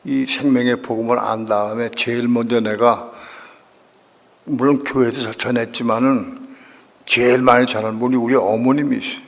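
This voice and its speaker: Older Korean pastor, gravelly, in a reverberant hall. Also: male voice, medium pitch, fairly even intonation, normal speed. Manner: emotional storytelling, voicing quoted people. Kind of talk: sermon. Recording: long reverb of a church hall.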